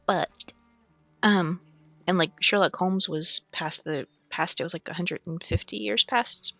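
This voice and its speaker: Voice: mid-range voice, fairly even intonation, unhurried, pushed and bright, no echo. A streamer talking casually to chat with lots of fillers, then reading a fantasy book aloud; they have the hiccups. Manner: chatty, rambling, with frequent fillers and throat clearing. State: has the hiccups. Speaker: streamer and VTuber reading lore books.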